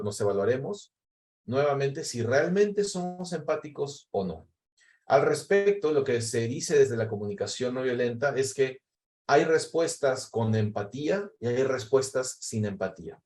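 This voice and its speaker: A man's voice: mid-range voice, a little mellow. A man leading a recorded training session, explaining step by step and often checking in with a questioning tag. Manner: explanatory, often tags phrases with ¿no?; acts out example replies in quoted voices. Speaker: workshop facilitator.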